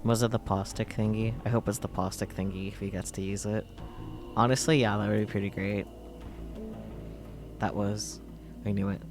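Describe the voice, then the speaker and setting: Man, low voice, reading visual novel aloud with asides; game music clearly behind. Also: steady tone, moderate pace, pauses often. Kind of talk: live read-aloud of translated game script with asides. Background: game music and Japanese voice acting.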